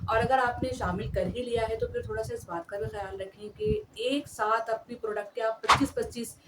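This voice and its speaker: A woman hosts an etiquette talk, speaking earnestly and politely to her listeners. Her voice is on the high side, steady in tone and brisk. The mic is distant, with clear background noise.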